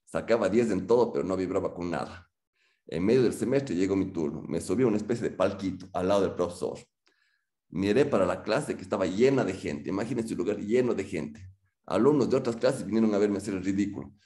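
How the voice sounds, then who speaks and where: A man in his late thirties tells a personal story with humor, acting out the quotes of others. His voice is low and dark. It rings in a roomy, echoing space. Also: fairly quick. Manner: humorous, animated, acts out quotes.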